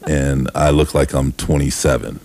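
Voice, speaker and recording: Very deep-voiced male co-host. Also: flat delivery, normal speed, a little mellow. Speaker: radio co-host.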